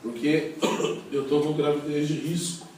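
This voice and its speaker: A man giving a talk as a minister, telling a personal story in animated, conversational fashion and often checking in with his listeners. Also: a little high, a little slow. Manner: animated anecdotal storytelling with frequent "né?". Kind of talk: storytelling talk to a youth audience. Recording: distant echoey room recording with faint noise.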